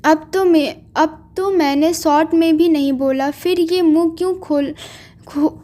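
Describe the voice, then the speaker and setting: A woman storyteller voicing a quick-tempered young woman scolding a man. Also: high-pitched, steady tone, mellow. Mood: angry. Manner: angry, scolding.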